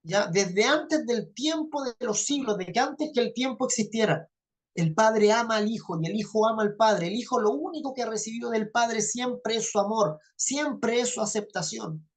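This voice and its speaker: A woman's voice: a little high, normal speed. A woman teaching a Bible class. She keeps checking in with her listeners and repeats phrases for emphasis. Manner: checks understanding with frequent "¿ya?".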